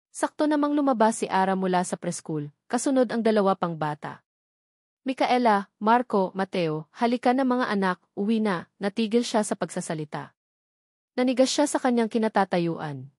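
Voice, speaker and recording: A woman with a Filipino accent narrates a scripted, dramatic love story as an audio drama. Her mid-range voice is a little mellow, recorded with clean studio sound and no echo.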